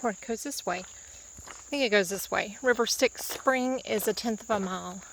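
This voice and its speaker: A woman's voice: mid-range voice, moderate pace, fairly bright tone, slight background noise, poor audio. A woman vlogger giving casual travel narration, musing aloud in short fragments as she hikes.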